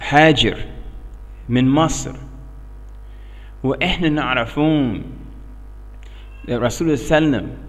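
Male, middle-aged American, English-accented broken Arabic; earnest, emphatic religious speaker, medium pitch, reverberant room. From United States. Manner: halting broken Arabic with English accent, repeats check-in questions. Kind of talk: informal religious talk to camera. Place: small bare indoor room.

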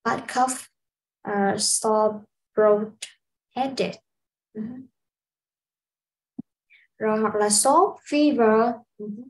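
Slow, high-voiced woman teaching a lesson. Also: rough recording. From Vietnam. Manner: unhurried, explaining step by step with frequent filler sounds. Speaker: English teacher. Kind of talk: casual spoken language lesson.

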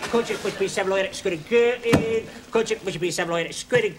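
A man's voice: high voice, racing, a crowd in the background, close to an everyday voice. A man playing a muddled chip-shop server in a TV sketch, distractedly reciting orders over and over. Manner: repetitive muttered reciting, distracted. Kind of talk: TV sketch comedy acting. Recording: old TV studio, loud audience and noise.

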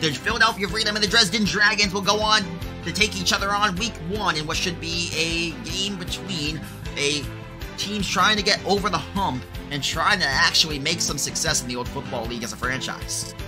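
A man's voice: high-pitched, moderate pace, over music. A man hosting a livestreamed game broadcast, joking with co-hosts and talking to chat. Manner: joking, hype, talks to chat. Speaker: stream host and commentator. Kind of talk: casual livestream commentary.

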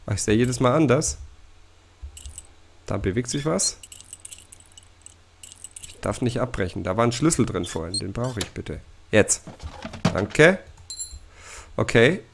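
A man voicing live commentary over a horror game at his desk mic. He sounds jittery, addresses his viewers and lets out frequent scared gasps, with a voice of ordinary middle pitch. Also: expressive, unhurried, gravelly, long pauses, a little hiss or hum. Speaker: let's play gamer.

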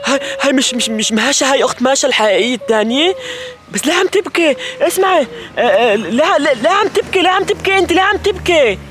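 A man hosting a kids' comedy skit, talking to his viewers in an excitable, dramatic way. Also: extremely high pitch, fast, slight background noise. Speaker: youtube host.

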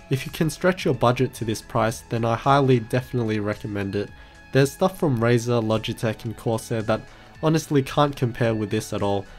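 A man giving a scripted tech review narration in a matter-of-fact, explanatory way. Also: mid-range voice. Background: background music.

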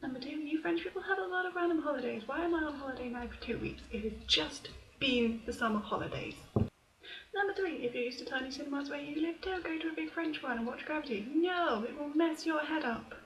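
A young woman in her twenties, vlogging in a rapid-fire, chatty, self-mocking way. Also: high-pitched, reverberant, poor audio. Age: young adult. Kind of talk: fast list-style vlog. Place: shared house on a year abroad.

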